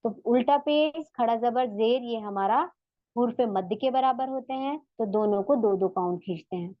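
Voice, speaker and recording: A woman's voice: fairly high pitch, normal speed, no echo, lo-fi sound. A woman teaching tajweed in an online lesson, patiently stretching out sounds to demonstrate them. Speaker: Quran recitation teacher.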